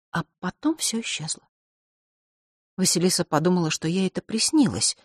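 Husky storybook narrator, dry close sound. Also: medium pitch, no room sound. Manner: lively, expressive reading with shifting voices. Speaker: audiobook narrator.

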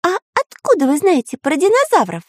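A woman voicing Karandash, a fussy boyish pencil character, in a very high squeaky voice for a storybook reading. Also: moderate pace, no room sound, clean studio sound. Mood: suspicious.

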